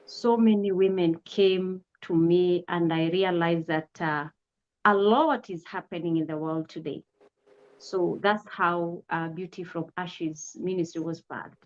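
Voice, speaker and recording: In dull, lo-fi audio, a low-voiced woman pastor from Kenya, in her 40s, gives her testimony as an interview guest. Her intonation is fairly even, and she sounds earnest and grateful, speaking in a measured way with many "uh" pauses.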